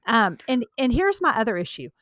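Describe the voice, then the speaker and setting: A woman's voice: on the high side, very animated, fairly quick, a bit bright, no echo, clean studio sound. A woman co-hosting a podcast in casual chat, talking in an emphatic, opinionated way with frequent laughs. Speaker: podcast co-host.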